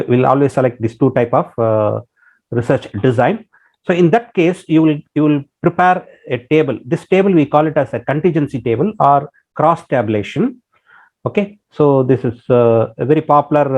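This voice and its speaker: A man with an Indian English accent gives a lecture at a medical college, explaining step by step and filling pauses with "okay" and "uh". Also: fairly high pitch, darkish tone. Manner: patient explaining, many "okay" and "uh" fillers. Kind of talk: recorded lecture. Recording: dull lo-fi lecture recording.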